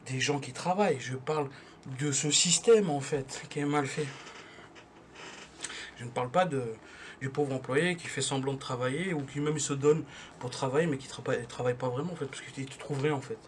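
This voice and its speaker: A man's voice: mid-range voice, moderate pace, a little hiss or hum. A young man doing a stand-up comedy monologue at home, telling a rambling slangy story full of restarts.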